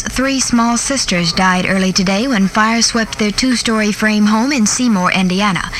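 Female newsreader, early 1960s radio, old newsreel style. Formal, measured, scripted; slightly noisy vintage recording. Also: mid-range voice, a bit bright.

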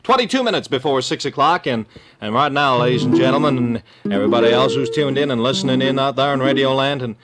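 A man's voice: mid-range voice, quick pace, loud music behind the voice. A man doing morning radio DJ patter, reading scores, time and weather, with jokey rambling asides. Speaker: radio disc jockey.

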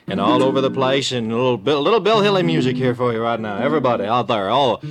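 A man's voice: mid-range voice, expressive, fast. A man doing morning radio DJ patter, reading scores, time and weather, with jokey rambling asides. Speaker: radio disc jockey.

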